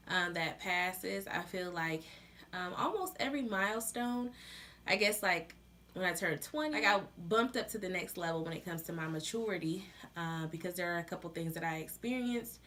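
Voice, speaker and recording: A woman's voice: mid-range voice, fairly bright tone, slight background noise. Chatty woman in her twenties. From Ohio, US. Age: 20s. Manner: chatty, earnest, many "like" and "um" fillers. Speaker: vlogger. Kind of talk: casual couple Q&A chat.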